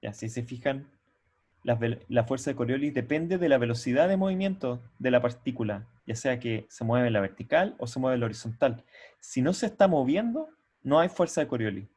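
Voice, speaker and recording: A man lectures a university class online through a computer microphone on a video call. His mid-range voice is animated, darkish and slightly rough; he works step by step, frequently checks that students keep up, and restarts sentences in a halting way as he thinks.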